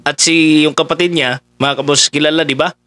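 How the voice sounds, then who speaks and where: A man's voice: a little high, steady tone, fairly quick, bright, forceful tone, no echo. A man giving casual political commentary, talking conversationally with many fillers as he addresses his listeners.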